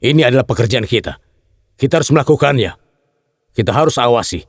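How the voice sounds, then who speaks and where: A man's voice: mid-range voice, animated, fast talker, no echo, clean studio sound. An actor dubbing a grumbling henchman who insists on keeping watch in a TV drama. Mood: stern. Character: grumbling male henchman, dutiful. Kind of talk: dubbed TV drama.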